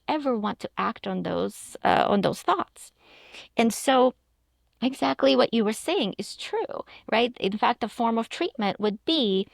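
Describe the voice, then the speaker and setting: Interview guest: Ukrainian-born woman psychologist, earnest explainer, dry close sound, some vocal fry. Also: mid-range voice, no room sound. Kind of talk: interview answers.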